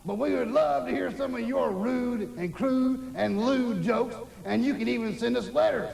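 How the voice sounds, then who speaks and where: A man playing a campy, lewd, gleefully ghoulish TV horror host, with theatrical, teasing mock-spooky delivery and a gravelly creak. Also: extremely high pitch, moderate pace, a little mellow, full character voice, rough recording.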